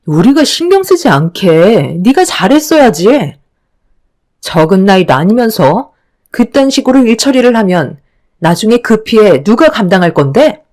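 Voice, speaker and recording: A woman's voice: medium pitch, big pitch swings, a little slow, darkish tone. Woman voicing an angry scolding older sister. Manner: harsh, reproachful lecturing. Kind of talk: radio story reading.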